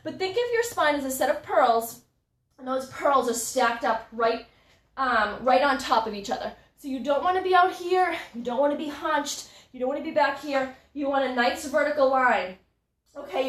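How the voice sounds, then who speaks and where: High-voiced woman coaching a live workout, kinda breathless, chatty w/ viewers, echoey and far from the phone. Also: normal speed. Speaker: fitness instructor. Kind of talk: live-streamed workout instruction. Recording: echoey room, voice from a distance.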